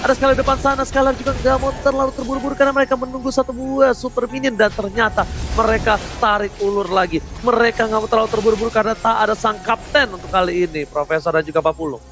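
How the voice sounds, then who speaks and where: Indonesian guy doing hyped fighting game announcer commentary, super high voice, music behind him. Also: fairly even intonation. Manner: shouted, drawn-out hype calls. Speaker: esports match commentator, play-by-play caster.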